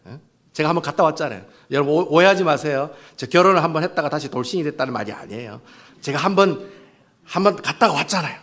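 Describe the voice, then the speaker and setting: A man, a pastor preaching a sermon in an animated way, asking rhetorical questions and acting out quoted speech. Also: a little high, quick pace.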